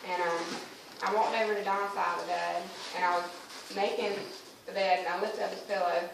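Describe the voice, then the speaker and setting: A woman's voice: medium pitch, fairly even intonation, a little fast, vocal fry. Woman giving testimony in an echoey church. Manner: storytelling, acting out her talks with God. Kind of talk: personal spoken testimony. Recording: echoey room from a distant mic, faint noise.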